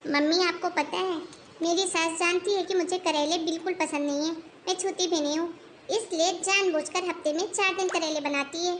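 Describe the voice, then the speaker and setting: A woman's voice: very high-pitched, steady tone, moderate pace, a little hiss or hum. A woman voicing a spoiled young married daughter in a cartoon, whining about her in-laws. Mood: chatty.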